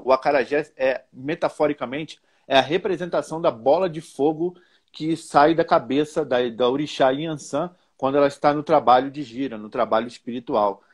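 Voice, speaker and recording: A man's voice: fairly high pitch, brisk. A Brazilian man hosting a casual chat, asking questions, correcting words and telling a long explanatory story. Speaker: host teaching Portuguese. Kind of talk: casual conversational interview.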